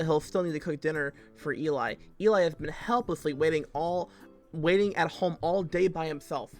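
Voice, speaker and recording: A man streaming himself as he reads fan fiction aloud, breaking off for joking asides and laughing often. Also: a little high.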